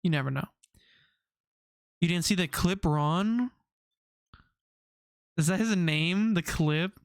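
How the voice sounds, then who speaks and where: A man's voice: high-pitched, slow, dry recording, studio quality. A young man streaming, chatting casually with his viewers, rambling off on tangents and laughing often.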